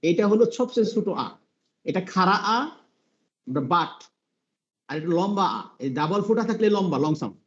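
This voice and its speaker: A man's voice: sits high, lively intonation, lo-fi sound. A man teaching English pronunciation in an online class, patient and repetitive, often quizzing the listeners. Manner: patient, repeats sounds slowly, asks the class questions.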